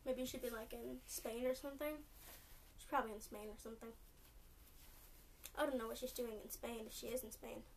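A woman's voice: on the high side, steady tone, fairly quick, gravelly, pauses often. A young woman from California with a Californian accent, rambling in a casual solo podcast full of "like" and "um". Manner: rambling, lots of "like" and "um", restarts often. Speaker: podcast host. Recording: distant mic with faint noise.

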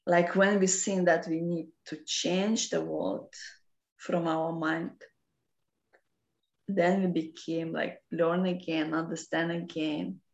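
A woman with a Russian accent explaining philosophical ideas off the cuff in halting non-native English. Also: fairly low pitch, level tone, creaky, muffled recording. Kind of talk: unscripted philosophical explanation in conversation. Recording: roomy, echoing sound.

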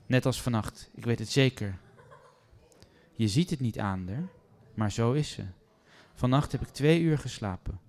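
A man's voice: medium pitch, a little slow, darkish tone, lightly acted. A man voicing a fretful, indignant woman hotel guest who complains about her roommate. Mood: complaining. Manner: indignant, pleading.

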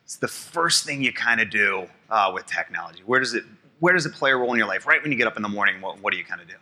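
A man moderates a panel and keeps the guests talking with encouraging prompts and frequent laughter. His voice is very bright and swings widely in pitch. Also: lively intonation, racing.

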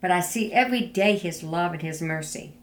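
A woman's voice: fairly low pitch, brisk, a little hiss or hum. An older woman speaking as an interview guest in casual, earnest testimony, repeating phrases for emphasis.

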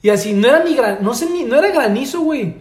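A man's voice: very high voice, animated, quick pace. A young man with a Mexican Spanish accent from Tijuana, telling a story in slangy casual chat. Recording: echoey room.

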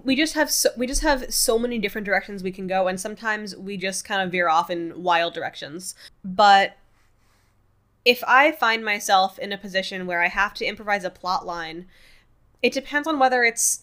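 A woman game master chatting casually about improvising side quests, talking in quick bursts. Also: medium pitch, fairly bright tone. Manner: chatty, quick bursts, laughs between points. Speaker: podcast co-host and game master. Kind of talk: casual chat about running tabletop games.

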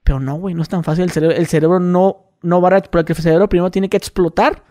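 Co-host with a Mexican accent, high voice, fast and slangy. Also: male voice, steady tone, a little mellow. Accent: Mexican Spanish. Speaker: podcast co-host. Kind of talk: casual chat.

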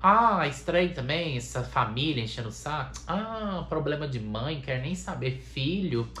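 A woman hosting a podcast, leading a playful mock guided meditation with long sighs and slow drawn-out phrases. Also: sits low, expressive, fairly bright tone. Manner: sighing mantra-like "ai, ai", slow drawn-out soothing phrases, swearing offhandedly. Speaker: podcast host. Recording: roomy echo.

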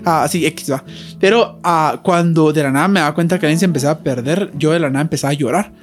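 A man talks earnestly and chattily, full of fillers, as a guest on a faith podcast. His voice sits a little high for a man. Soft music plays faintly behind him. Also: fast talker. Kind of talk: casual faith podcast conversation.

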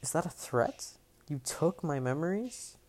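A man's voice: a little high, very animated, unhurried, slight background noise, voice pushed up. A man reading aloud, voicing a young male demigod hero who is confused and defiant, in a raised, pushy tone. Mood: baffled.

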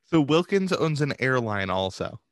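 Animated male co-host, close dry sound. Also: mid-range voice, moderate pace, no room sound. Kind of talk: casual humorous commentary.

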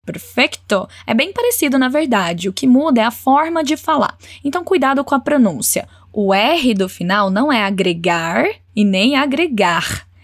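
A woman's voice: high voice, expressive, no echo, clean studio sound. Encouraging woman teaching Spanish phrases. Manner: encouraging, models phrases slowly and clearly. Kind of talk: language lesson with repeat-after-me drills.

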